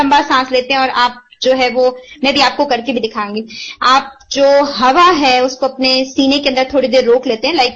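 Female tutor, high bright voice, patient explainer, lo-fi muffled audio. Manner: patient, explains slowly and demonstrates sounds. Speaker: teacher of Arabic pronunciation. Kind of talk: online lesson, Hindi-Urdu mixed with English.

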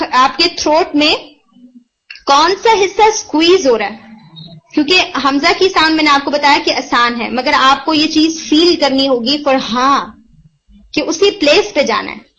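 Female tutor, high bright voice, patient explainer, lo-fi muffled audio. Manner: patient, explains slowly and demonstrates sounds. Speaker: teacher of Arabic pronunciation. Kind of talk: online lesson, Hindi-Urdu mixed with English.

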